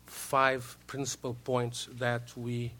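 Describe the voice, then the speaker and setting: A man's voice: mid-range voice, monotone, slow, bright, forceful tone, a little hiss or hum. A Brazilian man, a native Portuguese speaker, giving formal remarks as a diplomat in broken English, hesitating often and repeating words.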